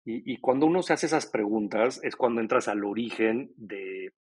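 A middle-aged man, co-founder of a podcast company, appears as a guest in a casual interview and answers questions fluently and explanatorily. His voice is fairly low, slightly rough and darkish in tone, delivered at a moderate pace.

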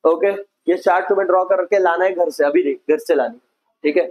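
A man's voice: high-pitched, fairly even intonation, brisk, darkish tone, highs cut off. A male accounts teacher giving a classroom lecture, explaining step by step and checking in with his students. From India.

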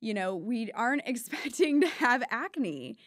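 Podcast host, woman in her 20s, bubbly and gushing, bright-pitched, dry studio sound. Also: measured pace, no echo. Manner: bubbly, gushing, animated hand gestures. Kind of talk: casual chat. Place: small studio with foam panels. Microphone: studio mic with headphones.

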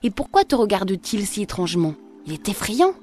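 A woman's voice: medium pitch, big pitch swings, fairly quick, a little mellow, soft background music, natural voice. Woman voicing a defiant young hunter. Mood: wary. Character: brave young male hunter, wary and defiant.

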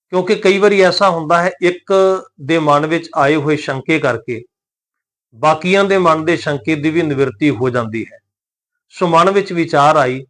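A man giving a calm religious lesson on how to pronounce scripture, slowing down whenever he recites verses. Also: a little high. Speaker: Sikh scripture teacher.

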